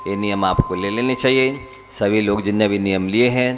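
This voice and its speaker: A man's voice: lowish voice, normal speed, over music. Man preaching a Jain sermon in a hall. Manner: exhorting, rhetorical questions to audience. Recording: hall reverb with faint ambience.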